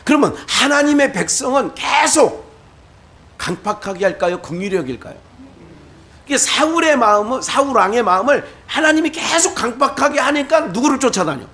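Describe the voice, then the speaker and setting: A man's voice: very high-pitched, expressive, normal speed, bright, forceful tone. A middle-aged man with a Chungcheong accent, a pastor preaching a sermon who asks the congregation questions and chuckles between points. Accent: Chungcheong Korean.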